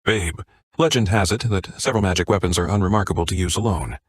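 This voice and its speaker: Low-voiced man narrating a comic recap. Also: quick pace, breathy edge, dry recording. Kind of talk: scripted story narration.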